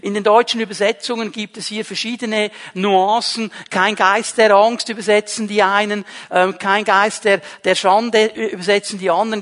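Swiss guy preaching, high voice, emphatic, lots of repeats, big hall echo. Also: a bit bright. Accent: Swiss German. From Switzerland. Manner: emphatic, repeats key phrases. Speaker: pastor. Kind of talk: sermon.

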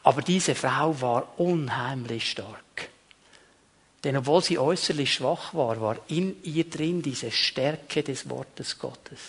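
A middle-aged man preaching a sermon, emphatic, dropping low and quiet, then rising loud. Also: slow, husky. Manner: emphatic, swings between hushed and raised.

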